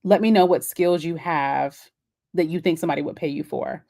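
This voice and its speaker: Woman host, low-pitched, casual live Q&A, chatty and encouraging, lots of ums and restarts. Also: fairly quick, mellow.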